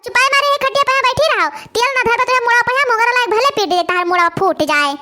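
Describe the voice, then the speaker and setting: A woman voicing a harsh, bossy daughter-in-law in a cartoon, with an Awadhi accent and a sharp, scolding way of talking. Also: extremely high pitch, fast. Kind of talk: cartoon voice acting.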